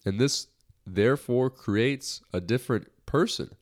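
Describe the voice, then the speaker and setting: A young man from the United States hosts a solo podcast, talking casually in a lighthearted, rambling style full of restarts. His mid-range voice keeps a measured pace and has a slightly nasal quality from a recent cold.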